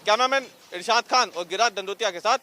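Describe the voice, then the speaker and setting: A man's voice: high-pitched, fast. A man reporting on location from a village, questioning locals for a news piece. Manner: questioning villagers, energetic delivery. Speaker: field reporter. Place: outdoors in a village.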